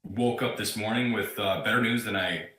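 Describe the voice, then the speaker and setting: A caller's very low male voice comes through a speakerphone, ringing with a hollow, roomy echo. He speaks haltingly, apologizing and filling gaps with ums and you-knows. The call sounds like it bounces around an open room rather than sitting close to the mic. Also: fairly even intonation, sharp tone. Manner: hesitant, apologetic, halting with many fillers. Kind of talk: casual call-in chat.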